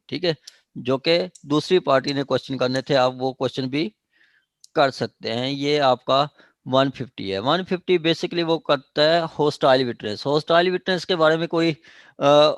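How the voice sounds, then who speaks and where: A man with a Pakistani accent and a medium-pitched voice gives an informal law lesson on a dry recording. As a law lecturer, he reads phrases out and then explains them in plain words.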